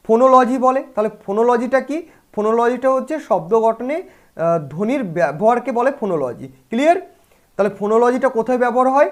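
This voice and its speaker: A man with a Bengali accent teaching an exam-prep lesson. He repeats each point and keeps checking with "clear?" and "okay?". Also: high-pitched. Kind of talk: online exam-prep lecture.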